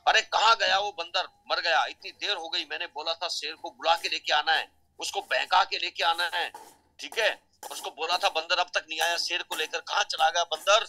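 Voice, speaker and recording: A man voicing a crafty, quick-thinking man in a spoken folk tale, bluffing loudly. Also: medium pitch. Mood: bluffing shout.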